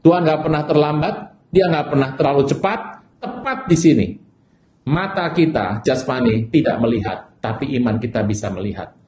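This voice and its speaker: A male pastor preaching a sermon in an animated way, acting out people's desperate cries for help. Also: medium pitch, moderate pace, reverberant.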